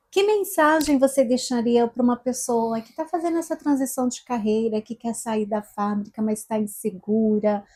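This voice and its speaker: Brazilian woman, podcast host, gentle questions, brief affirming replies, fairly high voice. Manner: short encouraging replies, soft questions. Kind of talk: casual podcast interview.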